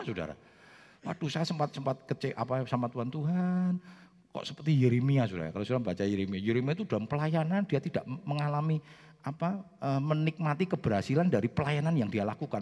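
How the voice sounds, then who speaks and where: A man with a Javanese accent preaching a sermon, telling a personal story with animated asides to the congregation. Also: mid-range voice. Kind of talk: sermon testimony. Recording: long reverb of a large hall.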